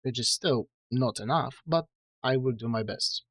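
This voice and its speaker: Reading his own book on a casual livestream, a man talks to his chat in a mid-range, slightly bright voice at normal speed, recorded with no echo. Tiredness and throat strain come through as he rambles, puts himself down, and restarts often amid fillers.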